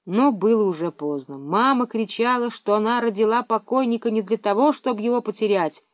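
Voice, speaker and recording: A woman reading a children's story aloud in an even, measured storytelling manner. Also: a little high, no room sound.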